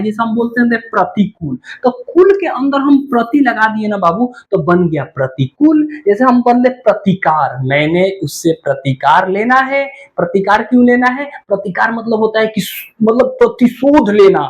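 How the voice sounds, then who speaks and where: In a rough, high-pitched recording, a man gives a classroom lecture on Hindi grammar. He poses questions and answers them himself, repeatedly addressing the listener as "babu."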